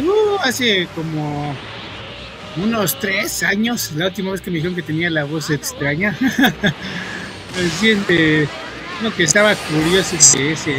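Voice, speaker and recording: A man from Mexico with a Mexican accent, chatting to viewers while he plays, rambling, filling every pause with "este" and swearing at the game in bursts. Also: high voice, background noise. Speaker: gaming streamer. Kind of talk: casual gameplay commentary to viewers. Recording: loud game music under the voice. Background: game music.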